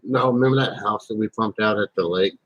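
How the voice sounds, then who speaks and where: A man's voice: on the low side, a little fast, a bit bright, lo-fi sound. A man joining a casual chat, answering in short teasing remarks. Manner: teasing, brief interjections.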